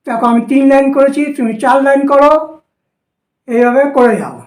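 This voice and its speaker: A woman's voice: high voice, fairly even intonation, a little fast, a little mellow, echoey room. A woman with a Bengali accent, teaching shorthand strokes at a board and patiently repeating each step. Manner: instructive, repeats steps patiently. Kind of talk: whiteboard lesson for students.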